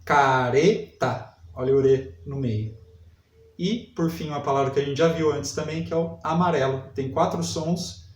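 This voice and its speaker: A man teaching a literacy lesson, sounding out syllables slowly and repeating each word. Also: fairly high pitch, a little mellow, recorded from a distance. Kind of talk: slow spelling lesson for adult learners. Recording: echoey room, voice set back from mic.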